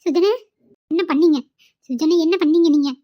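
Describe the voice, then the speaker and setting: A woman's voice: sits high, moderate pace, no echo, natural voice. A woman voicing an anxious young female carer who speaks urgently in a cartoon. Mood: frantic. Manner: urgent and pleading. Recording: dull, dry home recording.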